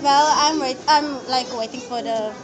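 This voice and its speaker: A woman's voice: sits high, a little slow, poor audio. A young woman, answering a street interviewer. She is shy and hesitant and giggles. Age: young adult. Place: outdoors on a street at night. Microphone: handheld mic held by interviewer. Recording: street crowd noise behind.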